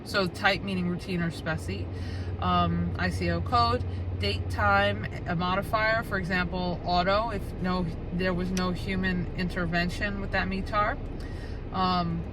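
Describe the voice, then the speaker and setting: A woman's voice: lowish voice, steady tone, unhurried, background noise. A woman with a Brooklyn New York accent reads a study guide aloud, spelling out acronyms and explaining casually to her listeners. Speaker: flight instruction presenter, pilot.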